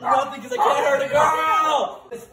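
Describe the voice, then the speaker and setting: Young man, joking and mock-threatening, high voice, roomy echo, heard from afar with a crowd chattering. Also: fairly even intonation, moderate pace, raised voice, distant mic, background noise. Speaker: vlogger. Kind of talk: casual chat.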